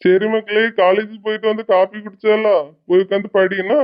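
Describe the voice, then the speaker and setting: A voice actor playing a middle-aged farmer father with a Kanyakumari accent who calls loudly to his family in a cartoon. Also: sits high, little pitch movement, moderate pace, smooth, lightly acted. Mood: gruff. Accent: Kanyakumari Tamil. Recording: muffled lo-fi audio.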